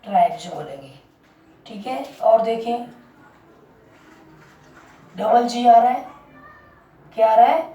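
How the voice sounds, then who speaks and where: In a classroom-style English pronunciation lesson, a woman with a fairly high, expressive voice speaks slowly with frequent pauses, repeating each point and quizzing her listeners. She's off mic in an echoey room, with faint background noise and lo-fi sound.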